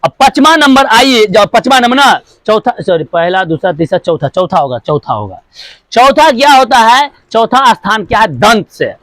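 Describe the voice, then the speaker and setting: High-voiced man drilling a grammar lesson. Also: big pitch swings, normal speed, fairly bright tone, dry recording. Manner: repetitive, asks and answers his own questions; drills sounds one by one. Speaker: teacher.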